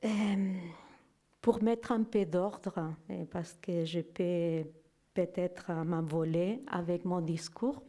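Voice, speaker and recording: Woman, Spanish accent, middle-aged, unhurried, warm low voice, pauses to find words. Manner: slow, hesitant, searching for words. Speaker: guest speaker. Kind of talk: personal testimony to an audience.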